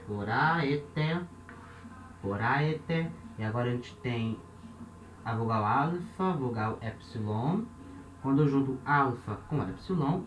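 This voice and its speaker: A Brazilian man with a Brazilian Portuguese accent and a mid-range voice teaches a lesson at a board step by step, counting aloud and often checking in with his listeners. He's recorded off-mic from a distance, with roomy echo and faint hiss.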